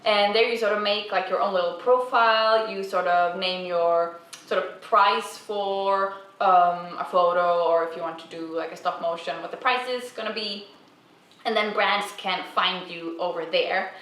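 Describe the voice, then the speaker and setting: A Swedish-speaking woman from Finland, an Instagram creator and vlogger, chats through a casual Q&A vlog at home in her apartment. Her voice sits at a medium pitch with a steady, unhurried tone, full of fillers and soft restarts. The distant mic gives a roomy, echoey sound with music playing behind her.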